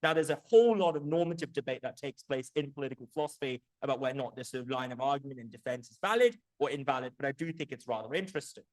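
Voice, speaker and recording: A man gives an academic book talk in an articulate, erudite way, asking rhetorical questions and frequently checking in with his listeners. His medium-pitched voice races along very fast with few pauses. The audio quality is poor.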